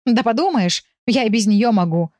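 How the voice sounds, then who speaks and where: A woman voicing a mischievous young male raccoon who wails in a high, drawn-out voice. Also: lively intonation, a little mellow, dry recording, studio quality, close to an everyday voice. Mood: petulant.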